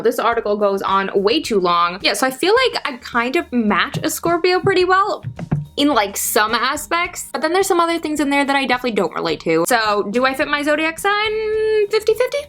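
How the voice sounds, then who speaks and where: A woman's voice: high-pitched, sing-song, brisk, fairly bright tone, soft background music. A young woman in her twenties chatting casually to her viewers in a Q&A vlog, bubbly and full of "like". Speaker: YouTuber.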